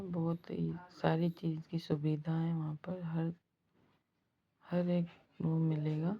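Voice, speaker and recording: A woman vlogger narrating her pilgrimage walk in a soft, devout way. She has a husky, strained voice from ongoing throat trouble. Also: lowish voice, highs cut off. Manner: slow, soft-spoken and devout. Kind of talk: travel vlog voice-over.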